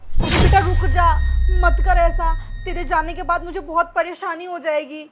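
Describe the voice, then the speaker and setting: A woman's voice: very high voice, fairly even intonation, a little fast, sharp tone, faint music behind. Woman playing a sly scheming mother-in-law. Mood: pleading.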